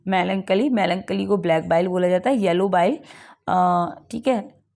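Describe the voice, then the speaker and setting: Gravelly-voiced woman teaching exam terms. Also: on the low side, measured pace, a little mellow. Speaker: English teacher. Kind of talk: exam-prep lesson, explaining terms.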